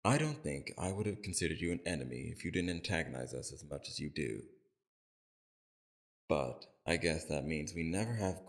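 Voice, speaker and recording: A man plays a composed, courteous villain leader in an audio roleplay, his voice very deep and gravelly. He keeps a civil, measured tone while gently probing.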